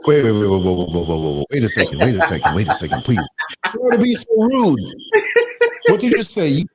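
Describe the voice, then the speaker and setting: Animated, playful male podcast host. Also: fairly low pitch, fast talker, noisy background. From United States. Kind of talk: casual interview.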